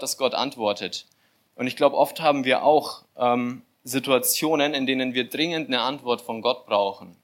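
A young man giving an informal sermon, telling a scripture story with filler words and lively, acted-out asides. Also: mid-range voice. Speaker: church volunteer giving a sermon. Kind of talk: casual sermon.

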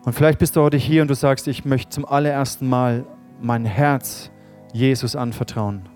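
Man, pastor, sermon and prayer, relaxed tone, building questions then soft prayer. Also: mid-range voice, moderate pace. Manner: rising, repeated rhetorical questions, then hushed prayer. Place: church service with live music. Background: soft instrumental music.

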